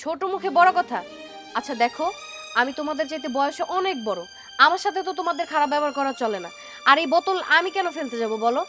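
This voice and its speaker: A woman's voice: sits high, animated, quick pace. A woman playing an indignant grown neighbor who defends herself against rude accusations. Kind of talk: low-budget drama acting. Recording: music bed under dialogue.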